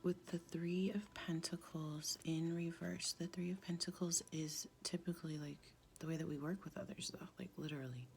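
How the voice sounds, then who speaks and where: Female tarot reader, sultry and husky smoker's tone, heavy vocal fry, soft-spoken, informal, halting delivery. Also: on the low side, fairly even intonation, a little hiss or hum. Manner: halting, informal, with pauses and frequent "like". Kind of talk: casual spiritual tarot reading, soft-spoken.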